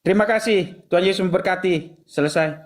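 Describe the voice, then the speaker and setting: A man speaking as a guest in an online debate, calm, measured and polite. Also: high-pitched.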